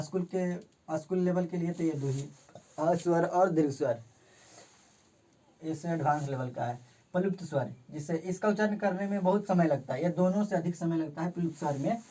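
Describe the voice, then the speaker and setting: A man talks through a grammar lesson in a casual classroom way. He points at the board and goes over each definition slowly, repeating it several times so it sinks in. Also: on the high side, dark tone. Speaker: teacher.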